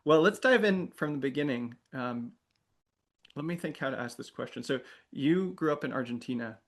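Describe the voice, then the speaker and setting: A man from the United States hosting a podcast interview, gentle and affirming, often murmuring agreement as he listens. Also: mid-range voice, lively intonation, moderate pace. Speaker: podcast host. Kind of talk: interview conversation.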